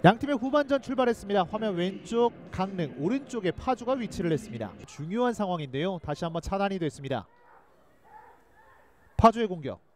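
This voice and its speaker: A man giving live play-by-play football commentary, excitable and shouting out chances. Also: high voice, a little fast, slight background noise.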